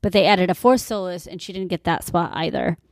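A middle-aged woman with vocal fry, co-hosting a casual podcast chat as a mother of a young performer. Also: fairly low pitch, a little fast, darkish tone, no room sound, clean studio sound.

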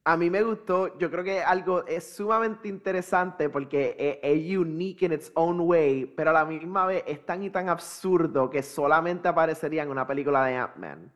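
A man's voice: on the high side, moderate pace, hardly any pauses, dull audio. A man co-hosting a casual movie chat in Spanglish, blunt and given to swearing. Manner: Spanglish, switches between Spanish and English mid-sentence; profane, blunt. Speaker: podcast co-host.

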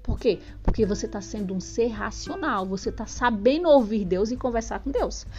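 A woman's voice: on the high side, normal speed, a little mellow. A woman hosting a spiritual self-help podcast, talking straight to the listener in an earnest, preachy way. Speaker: podcast host. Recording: dull lo-fi sound with faint music.

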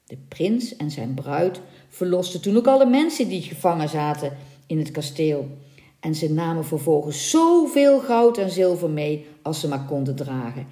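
A woman reading a folk tale aloud as a podcast host, with lively, playful storytelling and small slips. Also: deep voice, moderate pace, roomy sound.

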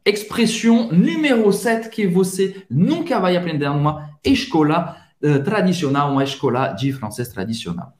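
A man hosting a podcast French lesson, repeating each phrase slowly and spelling it out. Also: mid-range voice, echoey room. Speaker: French teacher, podcast host.

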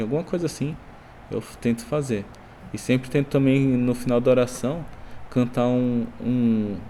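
A man's voice: medium pitch, dark tone, a little hiss or hum. A man, married with children, sharing an emotional personal testimony about prayer in a reflective, repetitive way. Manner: reflective, repeats himself, many "né?" tags.

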